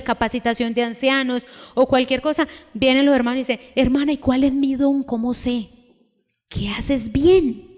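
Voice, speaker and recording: A woman preaching a sermon, emphatic and deliberate, putting repeated questions to her congregation. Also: sits high. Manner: slow, deliberate delivery with sudden raised cries. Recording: long echo of a large hall.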